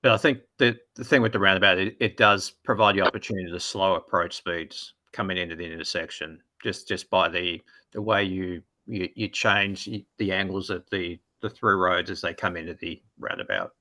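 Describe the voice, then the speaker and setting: A man with a Boston accent speaks as a consultant at a public meeting. His voice sits a little low but has a bright, firm edge as he answers questions about his work. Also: steady tone, moderate pace, few pauses. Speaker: project consultant presenting a study.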